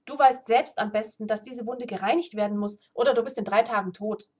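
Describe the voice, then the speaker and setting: A woman's voice: medium pitch, normal speed, a little mellow, recorded from a distance, lightly acted. A woman doing a stern, grave male warrior. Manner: firm, scolding.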